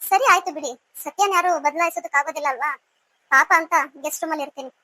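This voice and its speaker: A woman's voice: sits high, quick pace, sharp tone, no echo. A woman voicing a rude, scheming young woman in a cartoon serial, speaking in a haughty, mocking way.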